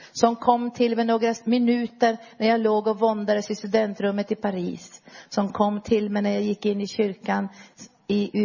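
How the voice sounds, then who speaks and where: Gravelly-voiced woman preacher giving testimony. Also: lo-fi sound. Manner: earnest, storytelling, voice drops low and soft at key moments. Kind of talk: personal testimony sermon.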